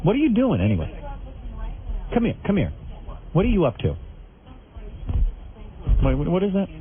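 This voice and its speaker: A man's voice: sits high, wildly swooping pitch, normal speed, phone-quality sound. A man hosting a radio show live from a party, brash and crude, teasing his guests. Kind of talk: live party broadcast banter. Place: crowded formal party room.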